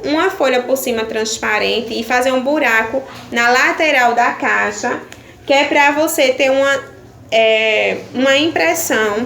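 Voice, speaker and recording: A woman's voice: sits high, gravelly, a bit bright. A woman teacher from Brazil patiently explaining primary-school workbook pages in a video lesson, checking in with her pupils after each point. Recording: echoey room with faint background noise.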